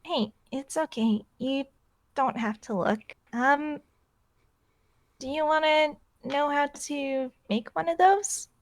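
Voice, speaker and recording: A woman voicing a gentle young child in a tabletop game, softly reassuring a baby. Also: high voice, slow, no echo. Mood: soothing, gentle.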